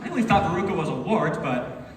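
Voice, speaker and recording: A man's voice: a little high, expressive, fast, noisy background, lightly acted. Man playing a theatrical, sly chocolate factory owner, echoey hall. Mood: wry, courtly. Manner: theatrical, wry, dryly insulting politeness. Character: eccentric male chocolate factory owner, courtly, sly and teasing. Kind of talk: stage musical theatre acting. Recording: echoey hall, distant microphone.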